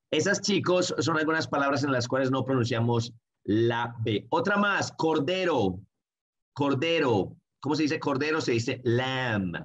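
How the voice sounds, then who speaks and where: A man who grew up speaking Spanish teaches English pronunciation in a friendly online lesson. He talks very slowly and repeats each word patiently, again and again. The recording sounds a little dull. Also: medium pitch. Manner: friendly, slow repetitive drilling of words.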